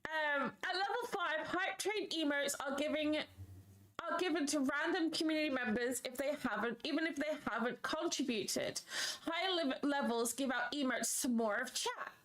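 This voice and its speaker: Excitable, high-voiced woman livestreamer. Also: moderate pace. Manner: excitable, exclamatory. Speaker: live streamer. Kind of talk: casual livestream chat with viewers.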